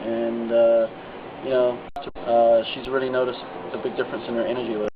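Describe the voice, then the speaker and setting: A man talks casually, filling his speech with you know and like. The recording is dull and noisy, with clear ambient sound behind him. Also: medium pitch, level tone, fairly quick. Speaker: customer giving a testimonial. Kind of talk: unscripted testimonial.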